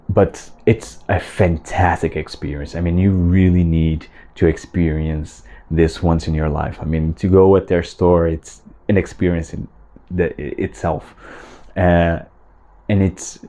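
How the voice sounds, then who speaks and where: Man, low voice, mellow tone, casual vlog chat, enthusiastic, halting with fillers. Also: fairly even intonation. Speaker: fragrance vlogger. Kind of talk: casual talk to camera.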